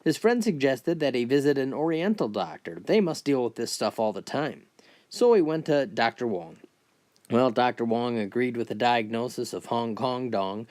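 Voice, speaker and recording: A man's voice: medium pitch, dry recording. Casual male joke storyteller. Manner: casual, steady storytelling with "well" openers. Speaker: joke teller.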